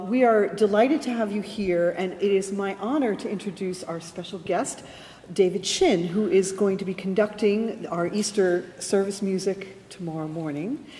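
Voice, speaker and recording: A woman's voice: mid-range voice, warm tone. A woman host giving a polite, formal introduction of a guest speaker. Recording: hall reverb.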